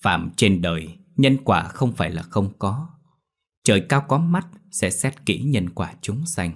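A man voicing a kindly old Buddhist monk who preaches softly and slowly. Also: on the low side, lively intonation. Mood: preaching. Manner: soft, slow, preaching.

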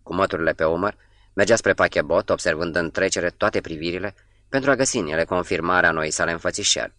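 A man reading a novel aloud as an audiobook narrator, in a measured, steady delivery. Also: low voice.

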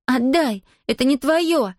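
A woman voicing a spirited, stubborn nine-year-old girl in an audiobook, with high, indignant outbursts. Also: steady tone, moderate pace, a little mellow, dry recording, studio quality, close to an everyday voice. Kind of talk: audiobook character voice.

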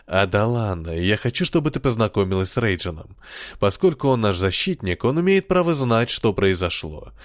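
A man voicing Arthur, a cold and commanding male leader persona who speaks slowly and with authority, in an audiobook. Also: lowish voice, very animated, no room sound, clean studio sound, pitched below the performer's own voice. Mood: stern. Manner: slow, measured, authoritative.

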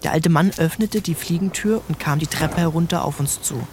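A man narrates an audio drama with scripted literary narration, his voice fairly high and brisk. Slight background noise and faint music can be heard.

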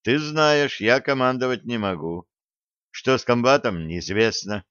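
A man reading a hoarse, grieving army commissar. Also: medium pitch, measured pace, fairly bright tone, dry recording, lo-fi sound, lightly acted. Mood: stern. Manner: hoarse, clipped military speech. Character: grief-stricken male battalion commissar, stern. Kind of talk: audiobook character reading.

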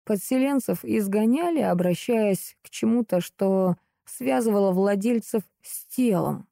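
A woman reading the lines of a calm, serious young male dark mage, explaining in a level, steady way. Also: mid-range voice, measured pace, creaky, no room sound, studio quality. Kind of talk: audiobook character reading.

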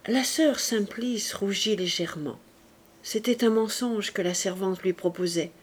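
Breathy woman reading a classic novel. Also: medium pitch. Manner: measured, expressive. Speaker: audiobook reader. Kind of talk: literary audiobook narration.

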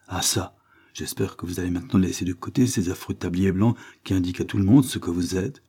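A man's voice: deep voice, fairly even intonation, a little fast, warm tone, husky. A man voicing a vain, prudish young woman with mincing, affected speech. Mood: prim.

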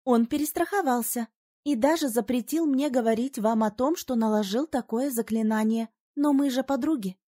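A woman's voice: on the high side, moderate pace, mellow, close to an everyday voice. A woman reading an audiobook, voicing a sly female salamander companion who speaks in a teasing, knowing way. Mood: confiding.

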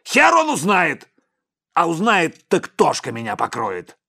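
A man voicing an angry, coarse middle-aged male crime boss who shouts and swears in an audiobook. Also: a little high, wildly swooping pitch, a little slow, creaky, voice pushed up, full character voice. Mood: enraged yelling. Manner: shouting, swearing, nervous bluster.

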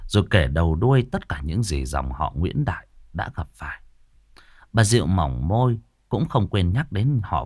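A man narrating a ghost story in a steady, lively way. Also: sits low, slightly rough, no echo, clean studio sound. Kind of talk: scripted narration.

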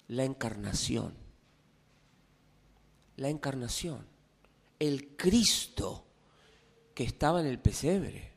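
Brief: male pastor, conversational sermon, slow and measured, lots of questions to the pews. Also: a little high. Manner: conversational, asks the congregation questions. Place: church.

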